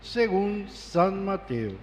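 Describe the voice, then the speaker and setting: Male priest, high voice, solemn and unhurried Gospel reading, long cathedral echo. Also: sing-song, a little mellow, slight background noise. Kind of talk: solemn liturgical scripture reading. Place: large church, amplified live Mass. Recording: long reverberant church echo.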